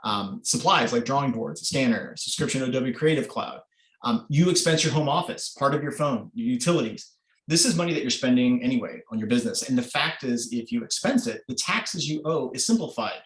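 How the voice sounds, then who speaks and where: A man's voice: mid-range voice, lively intonation, fairly quick. A man presenting an online workshop, explaining informally with many filler sounds over a video call. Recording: roomy echo.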